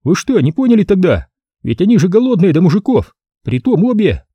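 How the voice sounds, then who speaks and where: A man's voice: sits high, big pitch swings, fairly quick, slightly rough, no room sound, highs cut off, pitched above the performer's own voice, heavily acted. A man putting on a cheeky, sly young army captain. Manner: cheeky, wheedling, raised voice. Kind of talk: audiobook character voice.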